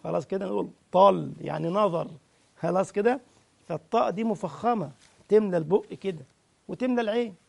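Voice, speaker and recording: A man with an Egyptian accent teaching Quran recitation, drawing out the verses slowly and breaking into quick, chatty corrections. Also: high voice, gravelly, a little mellow. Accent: Egyptian Arabic. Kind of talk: tajweed lesson with slow demonstrations.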